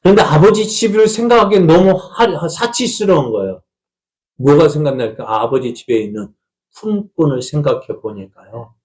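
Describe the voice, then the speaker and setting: A man's voice: a little high, expressive, normal speed, a little mellow. A man, the pastor, preaching a sermon, telling the story in a folksy way and asking the congregation one rhetorical question after another.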